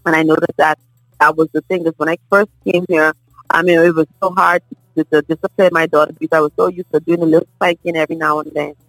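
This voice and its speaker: A middle-aged woman from the Bahamas with a Bahamian accent, a guest in a casual table conversation, telling stories in a lively way and often asking "you understand?". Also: sits low, fast, dry recording, faint music behind, rough recording. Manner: animated storyteller, often asks "you understand?".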